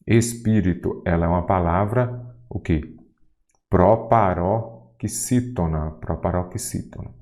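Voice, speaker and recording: Lively Brazilian exam-prep teacher, man. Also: low-pitched, normal speed. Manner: rhetorical questions, lively emphasis on key words. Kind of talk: exam-prep grammar lesson.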